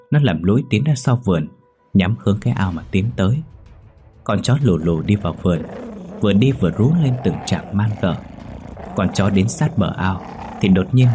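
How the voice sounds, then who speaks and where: Brief: low-pitched male storyteller, measured horror narration over soft music. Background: faint music.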